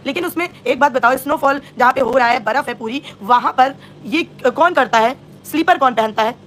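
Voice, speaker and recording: A woman hosts a live-stream gossip commentary in a high, light voice. She scolds and taunts with heavy sarcasm, talking straight at the person she's calling out. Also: fairly quick, fairly bright tone, a little hiss or hum.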